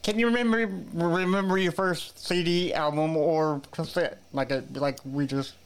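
A man's voice: a little high, steady tone, moderate pace, smooth. A man in his forties hosting a casual interview, chatty, repeating words as he asks friendly questions. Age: 40s. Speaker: host.

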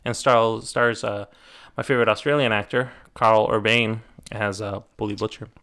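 A podcast host in his thirties chats casually, rambling and correcting himself as he goes. His voice sits on the low side with a steady tone and normal speed, sounding clean and a bit bright.

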